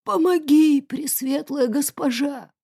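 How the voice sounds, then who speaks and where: A woman voicing a grubby male beggar who grovels and wheedles in a whining, drawn-out way. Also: high voice, mellow, no room sound, clean studio sound, pitched above the performer's own voice. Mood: pleading. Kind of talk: audiobook character voice.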